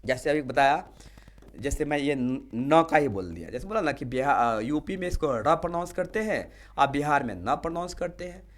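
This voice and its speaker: A man's voice: fairly high pitch, expressive, moderate pace. A male teacher giving a classroom lecture, explaining step by step and checking in with his students. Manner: explanatory, asks students rhetorical check-in questions.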